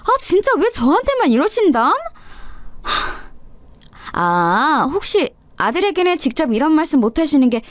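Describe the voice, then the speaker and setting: Woman voicing a young daughter-in-law, sarcastic, smugly polite, high voice, lively swings, radio story. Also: moderate pace, dry recording. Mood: mocking.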